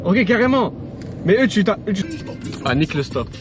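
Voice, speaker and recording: A young man with a slightly high voice chats casually, dropping in English slang. He sits in a car with music clearly playing behind him. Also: big pitch swings, a little fast, lo-fi sound. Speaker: passenger in a two-man car vlog. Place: inside a moving car.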